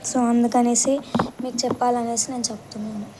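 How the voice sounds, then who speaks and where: A woman with a Telangana Telugu accent, calmly and firmly explaining a decision in a casual vlog. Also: fairly high pitch, a little fast, noisy background. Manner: calm, firm, explaining. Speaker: vlog team member.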